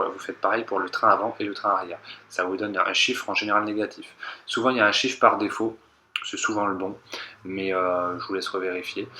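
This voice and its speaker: A man calmly walking viewers through a technical car procedure step by step, repeating instructions and hedging his own interpretation. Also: low-pitched. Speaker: car tech tutorial maker. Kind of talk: step-by-step voice-over tutorial.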